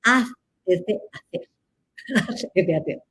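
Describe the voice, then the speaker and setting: A woman's voice: medium pitch, expressive, slow, a bit bright, a little hiss or hum. A woman answers audience questions in a live chat, teacherly and playful, laughing at her own examples.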